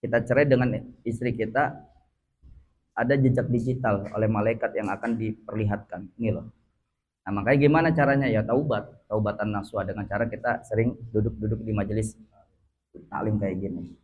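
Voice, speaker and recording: A man giving a casual religious study talk as teacher, lively and joking with his audience. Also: lowish voice, brisk, highs cut off. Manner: lively, jokes and laughs with audience. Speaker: Islamic teacher.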